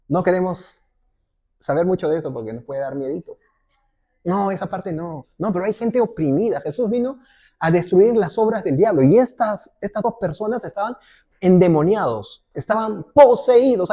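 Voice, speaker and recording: A man's voice: sits high, a little mellow. A male pastor preaching a sermon in a conversational way, often checking in with the congregation and briefly acting out little quotes.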